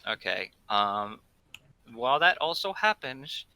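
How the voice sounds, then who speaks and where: A man narrating a tabletop game as game master, improvising in a halting way as he searches for words. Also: mid-range voice, big pitch swings, vocal fry, sharp tone, smooth, dry recording.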